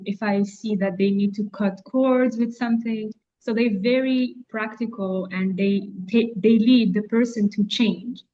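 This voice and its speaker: A woman from Algeria, an astrologer and spiritual guide, answering interview questions in a halting way. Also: medium pitch, warm tone, highs cut off. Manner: slow, halting, many fillers and restarts. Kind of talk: interview guest.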